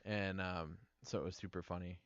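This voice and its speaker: Very deep-voiced rambling podcast host. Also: male voice, steady tone, moderate pace, a bit bright, dry recording. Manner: rambling, many fillers and restarts. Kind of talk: casual chat, retelling a movie. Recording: dull lo-fi podcast audio.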